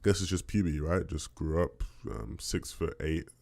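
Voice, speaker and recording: A man with a deep bass voice hosting a podcast, casually answering listener questions and often checking in conversationally as he talks. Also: steady tone, moderate pace, creaky, a little mellow. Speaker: podcast host.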